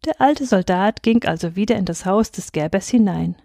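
Lady reading a folk tale aloud, clear and measured, dry sound no room. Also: mid-range voice, animated, dark tone, no room sound. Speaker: reader. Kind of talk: storybook reading.

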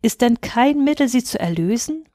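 A woman's voice: medium pitch, a little slow, warm tone, no room sound, clean studio sound, natural voice. A woman voicing a brave young princess devoted to her brothers in a fairy tale reading. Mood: earnest.

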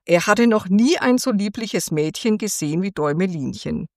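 A woman reading a fairy tale aloud for children in a gentle, expressive storytelling manner. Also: mid-range voice, moderate pace, dry recording, clean studio sound.

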